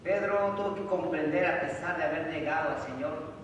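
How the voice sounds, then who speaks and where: A man's voice: on the high side, moderate pace. Man preaching in an echoey church. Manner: emphatic, loud rises when reading scripture. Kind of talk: sermon with scripture reading. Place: church sanctuary. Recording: echoey hall from far off, noisy.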